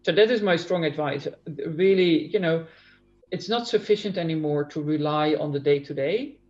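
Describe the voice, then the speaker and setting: A man's voice: on the high side, moderate pace, highs cut off, soft background music. A man taking part in an interview as a guest over a video call. He speaks earnestly and repeats his first words often before finishing a thought. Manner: earnest, many repeated starts. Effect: video call audio. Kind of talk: remote interview.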